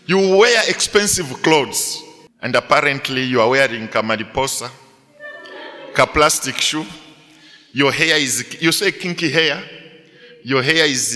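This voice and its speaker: A middle-aged male pastor preaching to students, telling a story with animated delivery and frequent rhetorical questions. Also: on the high side, big-room sound. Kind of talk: sermon to students.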